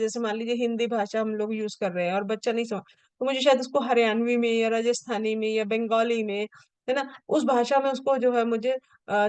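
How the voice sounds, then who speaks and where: A woman's voice: a little high, no echo. A woman teaches in a patient, step-by-step way, stopping often to check that her listeners follow. Her delivery is plain classroom explanation. The recording is dry and close, with no room sound. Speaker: special education teacher. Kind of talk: explaining an assessment form to students.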